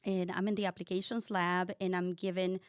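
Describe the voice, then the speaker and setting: A woman raised in Ecuador, a cosmetic scientist appearing as a guest, tells her story in a casual interview. Her voice sits on the low side, flat yet clear and resonant, and she speaks fairly quickly with warm storytelling, frequent "uh"s and small grammar slips. The recording is clean studio sound with no echo.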